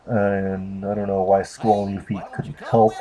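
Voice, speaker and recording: Sitting low and mellow, his flat voice moves unhurriedly over video game music. This young let's play commentator offers unscripted, casual remarks, rambling and hesitant with an offhand air.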